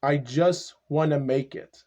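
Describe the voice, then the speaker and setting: A man in his twenties talking to the camera in a casual vlog monologue, halting and repetitive, stuttering often. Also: fairly high pitch, steady tone, darkish tone. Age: 20s. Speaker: YouTuber. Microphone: camera mic.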